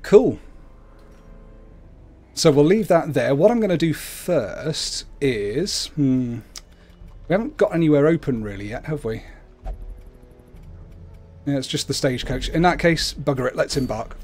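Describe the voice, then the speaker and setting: A man's voice: fairly high pitch, animated, measured pace, long pauses, darkish tone, soft background music. A man hosting a livestream, casually explaining the video game he plays. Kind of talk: casual explanatory gameplay commentary. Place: indoors at a computer, webcam.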